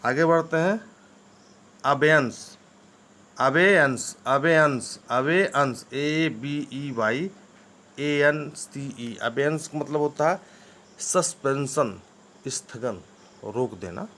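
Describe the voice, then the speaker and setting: A man's voice: mid-range voice, slow pace, pauses often, fairly bright tone. A man teaching English vocabulary, spelling each word letter by letter and checking in with his listeners again and again. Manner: spells words letter by letter, often asks "ठीक है ना?". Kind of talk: vocabulary lesson.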